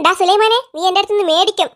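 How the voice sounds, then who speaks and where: A woman voicing a bossy, scatterbrained middle-aged aunty in a cartoon, with a scolding, sharp-tongued manner. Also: very high-pitched, rapid-fire. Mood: threatening. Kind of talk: cartoon voice acting.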